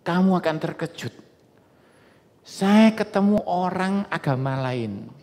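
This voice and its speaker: A male pastor preaches to his congregation, chatty and joking as he tells stories. His voice sits fairly high for a man, and it rings with the long reverb of a church hall. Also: animated, slow pace, a little mellow. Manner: conversational, joking storytelling to a congregation. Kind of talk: sermon.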